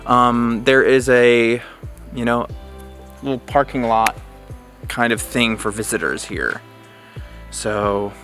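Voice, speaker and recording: A man's voice: medium pitch, pushed and bright. Young man, casual vlog, chatty, easygoing, outdoors, faint music behind. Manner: chatty, easygoing, with many fillers. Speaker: vlogger. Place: outdoors at a campground and lighthouse.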